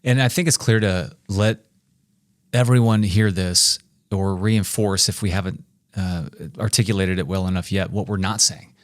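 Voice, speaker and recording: A man's voice: low-pitched, fairly even intonation, moderate pace, no room sound, studio quality. A man in his forties co-hosting a faith-based leadership podcast, emphatic and speaking directly to listeners. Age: 40s. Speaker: podcast co-host.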